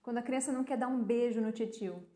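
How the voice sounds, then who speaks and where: A woman's voice: fairly high pitch, fast, reverberant. A woman talking casually on a live stream about raising children, often asking questions and answering them herself. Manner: explains with rhetorical questions and answers; acts out gentle talks with a child. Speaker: parenting educator.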